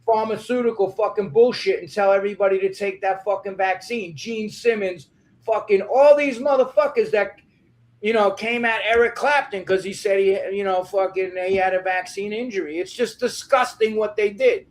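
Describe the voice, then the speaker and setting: Guy with a high voice going off angry in an interview, cursing nonstop. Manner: angry, profane, rapid ranting. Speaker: interview guest. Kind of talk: heated interview talk.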